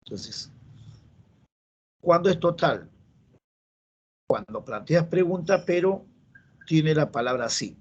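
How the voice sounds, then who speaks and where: A man's voice: fairly high pitch, lively intonation, takes it slowly, long pauses, slightly rough, dull audio. A man with a Peruvian Spanish accent teaching a classroom grammar lesson, repeating key phrases and checking in with students. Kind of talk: classroom lecture.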